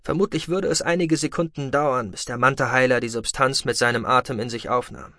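A man reading science-fiction audiobook narration in a steady, measured way. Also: mid-range voice, no room sound, clean studio sound.

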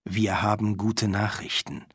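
A man's voice: on the low side, level tone, unhurried, a bit bright, husky, no room sound, studio quality. A man voicing an empty, hooded, bodiless presence in a toneless whisper. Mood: eerie. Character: empty hooded cloak, eerie genderless presence.

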